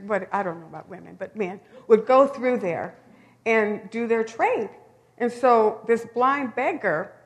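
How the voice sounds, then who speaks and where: A woman preaching a sermon in a conversational, storytelling way, with emphatic rises. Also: medium pitch. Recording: long hall reverb.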